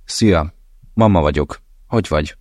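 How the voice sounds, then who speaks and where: A worried older mother pressing her son for attention over the phone, as a deep-voiced man puts her on. Her questions come insistent and fretful, in a dry, close audiobook recording. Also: darkish tone, no echo. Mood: anxious. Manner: anxious, insistent.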